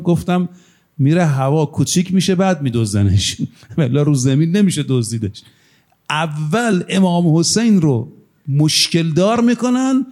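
A man preaches with a fairly high voice and tells stories. He builds points with sudden upward jumps in pitch. His delivery stays emphatic. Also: darkish tone. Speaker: cleric preacher. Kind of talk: sermon.

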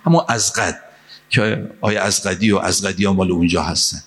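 Mashhad guy preaching, fiery sermon, pushes up loud on key points, recites bits of verse. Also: low-pitched, steady tone. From Mashhad, Iran. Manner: impassioned, rising to emphatic peaks; recites Arabic phrases and verse. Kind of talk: sermon with storytelling.

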